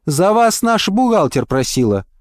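A man voicing a brash, crude woman boss with a low chesty voice, firing blunt, mocking questions at an applicant. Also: big pitch swings, unhurried, dry recording, studio quality.

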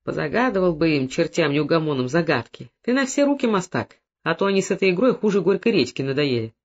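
A man's voice: on the high side, very animated, quick pace, highs cut off. A man reading aloud voices an older peasant father who talks plainly and good-naturedly. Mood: calm.

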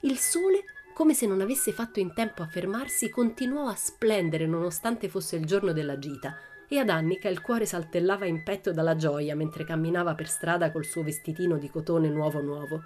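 A woman narrating a children's novel aloud in an expressive storytelling manner. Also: fairly low pitch, normal speed, few pauses, soft background music. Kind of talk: audiobook reading of a children's novel.

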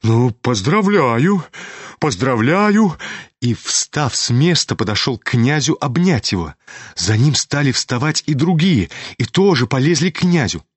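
Male narrator, classic novel audiobook, steady even reading, dry studio mic. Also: mid-range voice, normal speed, breathy edge, no room sound.

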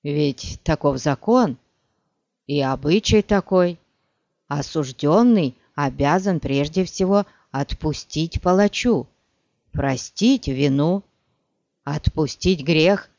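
A sullen, menacing hooded executioner, as a male narrator puts him on, gruff and unhurried in an audiobook scene. His words come slow and heavy, low and grudging. The recording is dry and a little dull. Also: darkish tone, no echo. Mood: stubborn.

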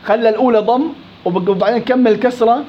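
A man's voice: extremely high pitch, steady tone. A man teaches Quran recitation, drawing out sample words and firing questions at his students. The recording is dull and lo-fi, with a faint hiss underneath. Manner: demonstrates words slowly, repeating them and asking the class questions. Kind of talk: tajweed lesson. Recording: dull lo-fi with faint background noise.

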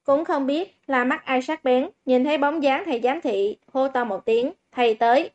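High-voiced woman narrating a novel. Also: normal speed, a little mellow. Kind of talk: audiobook narration. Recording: dull lo-fi recording.

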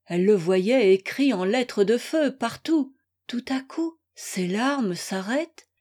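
A woman reading a classic novel aloud in a measured, dramatic way. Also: fairly high pitch, a little mellow. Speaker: audiobook reader. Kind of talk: scripted literary narration.

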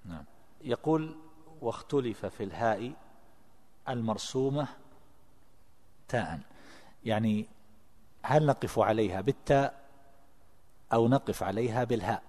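A man teaching a religious text, reading passages aloud and explaining them in a measured lecturing manner. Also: mid-range voice, lively intonation, darkish tone, long reverb tail. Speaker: sheikh teaching a classical text. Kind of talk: religious lesson explaining a treatise. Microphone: amplified lecture microphone.

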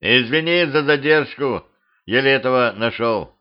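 A man's voice: medium pitch, unhurried, smooth, dull audio, natural voice. A man voicing a jovial, sly sorcerer with a breezy, friendly manner.

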